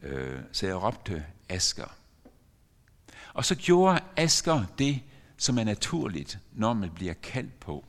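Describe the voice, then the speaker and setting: A man's voice: on the low side, sing-song. An older man preaching a sermon as a pastor, telling a story earnestly with sudden emphatic rises in his voice. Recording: long church reverb.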